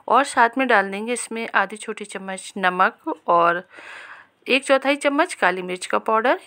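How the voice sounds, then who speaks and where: Calm woman narrating a recipe. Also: medium pitch. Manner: calm, instructive, addresses viewers directly. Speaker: cooking channel host. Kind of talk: step-by-step recipe voice-over.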